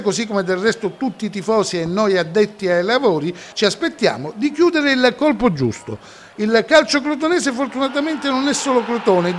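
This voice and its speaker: A man's voice: very high-pitched, background noise. A man narrating scripted sports news as a reporter.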